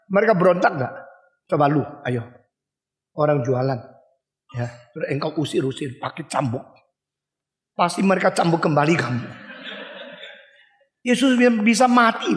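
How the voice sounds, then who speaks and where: Older male pastor, high voice, animated sermon, reverberant hall. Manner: animated, acts out voices and dog barks, asks the audience questions.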